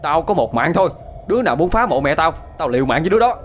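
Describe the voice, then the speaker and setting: Figure: young man, hot-headed, defiant. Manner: shouting, cursing, threatening, voice pitched well above the narrator's own, with swooping, lively intonation. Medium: audiobook ghost story, as a man acts it out. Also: racing, faint music behind. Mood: furious.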